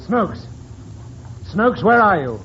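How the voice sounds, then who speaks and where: In a 1940s radio comedy, a man plays an exasperated father scolding his naughty child with stern questions. His high-pitched, creaky voice is sing-song, slow, and heavily acted, with crowd noise around him. The old radio sound is muffled, with faint noise.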